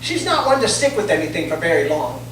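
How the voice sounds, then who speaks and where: A woman playing a blunt, plain-spoken patient in a staged play, talking in a halting, colloquial way. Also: fairly low pitch, very animated. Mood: guarded, wry. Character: blunt, plain-spoken cancer patient, parent of grown daughter. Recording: very echoey room, distant mic, clear noise.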